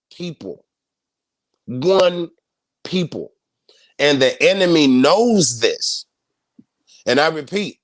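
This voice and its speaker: Hosting a live online panel over a video call, a man with a fairly high voice speaks emphatically, repeating key phrases in a preacher-like rhythm. There is no room sound in the recording.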